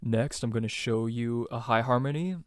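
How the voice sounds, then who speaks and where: Teaching vocal harmonies casually, this man speaks at a moderate pace with medium pitch and fairly even intonation, often restarting and using fillers. The sound is clean studio audio with no room reverb.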